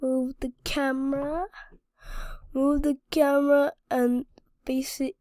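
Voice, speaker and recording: A high-voiced woman rattles through gameplay commentary at an unhurried pace, quick to yell at the game and trip over her own words. The sound is dry and close, with no room around it. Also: no room sound. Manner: excitable, talks back to the game, slangy; scattered, restarts and stammers. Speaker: gaming channel host. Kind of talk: casual Minecraft gameplay commentary.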